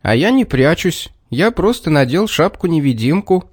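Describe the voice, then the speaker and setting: A man voicing a bold, cheeky little boy in a children's story, in a raised, lively boyish voice. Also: a little high, normal speed, breathy edge, voice pushed up.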